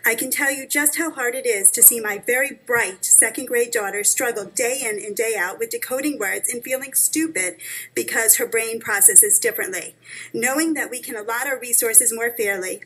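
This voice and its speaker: A woman's voice: fairly high pitch, pushed and bright, slightly rough, rough recording. A woman in her thirties, a parent reading a prepared statement at a school board meeting with earnest urgency into a table microphone. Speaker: parent speaking at public comment.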